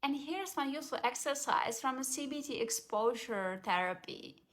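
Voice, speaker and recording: Calm and measured, a woman who coaches language confidence presents a scripted explainer one point at a time. Her voice runs just a bit higher than most.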